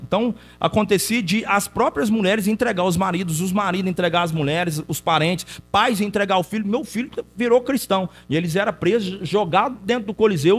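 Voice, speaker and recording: A male pastor preaching a teaching sermon in church, telling stories in an animated way and putting questions to the congregation. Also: on the high side. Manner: conversational, asks the congregation questions.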